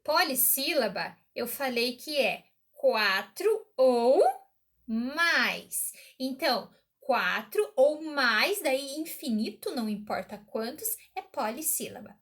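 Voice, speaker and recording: Slow-talking high-voiced woman teacher. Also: animated, fairly bright tone. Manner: slow, encouraging, checks in with "né?". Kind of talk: remote lesson for a child.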